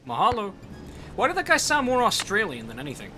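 A man's voice: sits high, wildly swooping pitch, fast, over music. A young man doing casual, wry let's play commentary. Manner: wry, joking asides.

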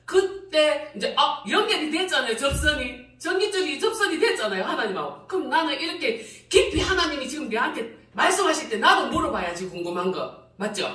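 Animated high-voiced woman preacher. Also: fairly quick, few pauses. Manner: animated, laughing, re-enacting her cries to God. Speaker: pastor. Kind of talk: testimony sermon. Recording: roomy hall from a distance.

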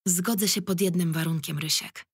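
A woman's voice: lowish voice, steady tone, normal speed, husky, dry recording, clean studio sound. A woman voicing a tough, sarcastic young policewoman who swears and speaks curtly and ironically. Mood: sarcastic, angry.

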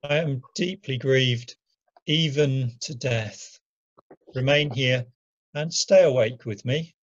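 A man playing a grave, solemn male teacher and prophet in a deliberate scripture drama reading. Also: medium pitch. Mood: sorrowful, solemn. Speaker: amateur reader in church dramatic reading. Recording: dull lo-fi home recording.

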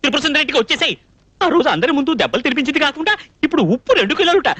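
A fussy, blustering young cook. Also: male voice, very high voice, lively intonation, pushed and bright, no echo, full character voice. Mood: scolding. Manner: scolding, rambling, quick outbursts. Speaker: dubbed film actor. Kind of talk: dubbed film comedy acting.

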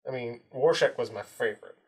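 A man's voice: mid-range voice, brisk, husky. A man co-hosting a casual chat, talking loosely, swearing often and laughing between points. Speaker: co-host.

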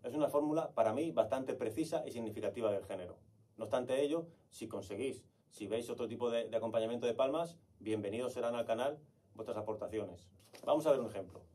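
A man's voice: medium pitch, quick pace, mellow, recorded from a distance, a little hiss or hum. A man teaching flamenco hand-clapping in an online lesson, explaining the rhythm and counting the beats aloud.

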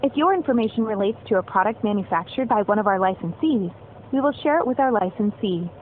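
A woman's recorded phone menu message, a polite, measured scripted announcement for a customer service line. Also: mid-range voice, lively intonation. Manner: polite, measured, evenly paced. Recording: tinny phone line with faint hiss.

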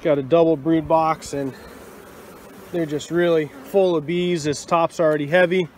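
Out at the bee yard, a thirtysomething man who keeps bees films a casual how-to vlog on a phone camera held at arm's length. He explains in an easygoing manner, dropping fillers along the way, with a fairly high pitch and a moderate pace. Faint outdoor noise sits in the background.

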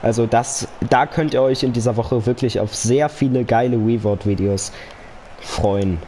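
A man's voice: mid-range voice, moderate pace, mellow, slight background noise. A young man giving casual, slangy live commentary on a football video game, with earnest pep talk mixed in. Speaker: gaming YouTuber.

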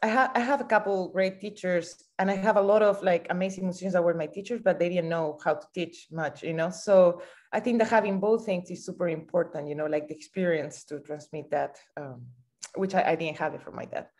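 A woman's voice: lowish voice, fairly quick, a little mellow. A young woman, a saxophonist, talking thoughtfully in casual conversation over a video call. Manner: thoughtful, many fillers like "you know" and "like". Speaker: saxophonist and composer. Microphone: video call mic.

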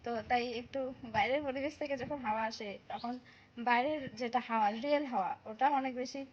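A woman's voice: fairly high pitch, fast talker. A young woman from West Bengal chatting casually to her viewers in a vlog, with lots of fillers, calling them guys. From West Bengal, India. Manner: speaking softly in a hushed voice. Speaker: vlogger. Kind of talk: casual vlog chat to camera. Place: village home, indoors and outdoors. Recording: dull lo-fi phone audio with faint noise.

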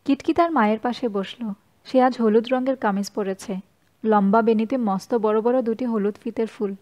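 A woman reading a novel aloud as an audiobook narrator in a calm, even storytelling manner. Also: on the high side, moderate pace, highs cut off. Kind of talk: scripted narration.

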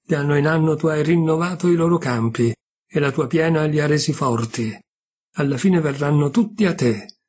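A man's voice: fairly high pitch, normal speed, a little mellow, a little hiss or hum, lightly acted. A man reading aloud as a cheerful young male god in a storybook tale. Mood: gentle. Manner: laughing, tender reading voice.

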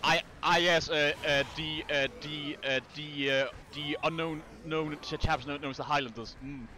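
A man's voice: fairly high pitch, steady tone, moderate pace, sharp tone. A man hosting a co-op game stream, chatting casually, stammering and swearing often. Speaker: streamer host. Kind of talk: casual co-op gaming chat.

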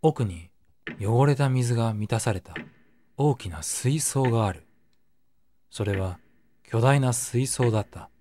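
A man's voice: fairly low pitch, dark tone. A man streaming, narrating a horror game dramatically and breaking off for joking asides.

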